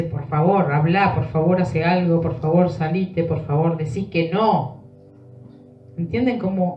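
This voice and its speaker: A woman's voice: on the low side, dark tone. A woman with an Argentine accent talking to a live group about emotions, earnest and emphatic, often checking in with her listeners. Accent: Argentine Spanish. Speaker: speaker leading an emotional workshop. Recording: dull, roomy sound from a distant mic.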